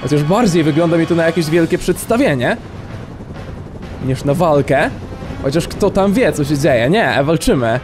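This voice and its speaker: A man's voice: on the high side, expressive, normal speed. Sarcastic man commentating gameplay. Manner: sarcastic, joking asides. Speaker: let's play host. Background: game music.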